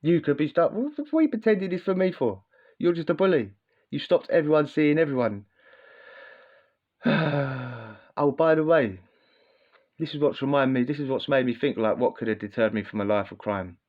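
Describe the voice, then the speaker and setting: Man, casual rambling story, slangy, repeats himself, mid-pitched voice, dull lo-fi audio. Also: animated, normal speed, pauses often. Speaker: vlogger.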